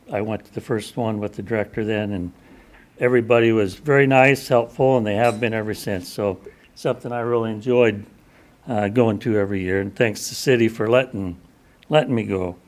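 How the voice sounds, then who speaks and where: A man in his sixties, a retiring park superintendent, giving brief, halting thanks with many fillers. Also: fairly low pitch. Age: 60s. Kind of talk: brief thank-you remarks.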